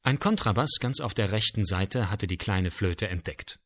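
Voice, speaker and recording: Male storyteller with a bright, lively delivery and a lowish voice; expressive storybook reading. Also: moderate pace.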